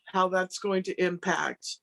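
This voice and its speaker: A woman's voice: on the low side, fairly even intonation, slow pace, vocal fry, a bit bright. A woman hosting a casual conversation on a video call, chatty and full of fillers. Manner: chatty, lots of "like" and "you know". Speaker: host. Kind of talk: conversational interview.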